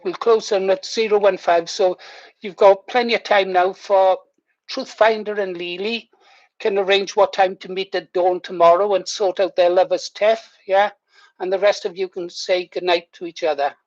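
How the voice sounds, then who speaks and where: A man over sixty, chatting casually to viewers as he hosts a livestream. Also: high-pitched. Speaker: livestream host. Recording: muffled, echoey room.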